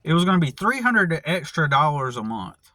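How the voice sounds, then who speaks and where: A man's voice: fairly high pitch, very animated, moderate pace, bright, forceful tone, dry recording. An American man in a casual vlog, ranting angrily and profanely with many restarts. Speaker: vlogger.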